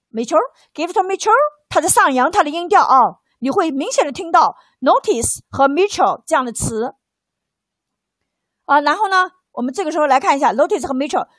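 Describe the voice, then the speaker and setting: High-voiced woman tutor lecturing a tiny class, keeps asking "what is it then" and repeating herself, dry close sound. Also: dry recording. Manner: repeats key phrases and poses rhetorical questions. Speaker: English exam tutor. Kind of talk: explanatory teaching lecture. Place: small tutoring class with two students.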